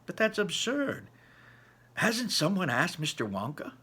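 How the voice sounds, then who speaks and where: A curious young storybook boy played by a man, eager and earnest, with a bright, slightly raised voice. He presses his questions insistently. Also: sits high, wildly swooping pitch, unhurried, breathy edge, exaggerated voice. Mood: puzzled.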